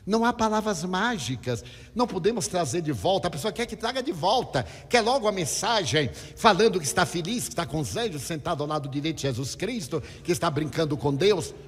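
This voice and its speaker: A man gives a storytelling lecture as a spiritist speaker, acting out the voices of the people he quotes with big swings in pitch and loudness. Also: expressive, fairly quick, husky. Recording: reverberant hall.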